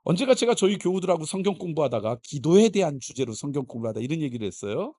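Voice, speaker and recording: A man's voice: a little high, big pitch swings, quick pace, dark tone, slightly rough. A middle-aged male pastor preaching a revival sermon in a church, talking conversationally, acting out quoted prayers and small dialogues, and asking the congregation questions. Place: church sanctuary.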